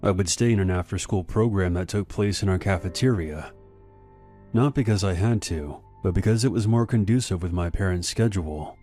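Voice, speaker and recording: A man with a very low, deep voice narrates first-person horror stories in a measured, even way. His voice-over is recorded close on a studio mic. A faint music bed runs underneath.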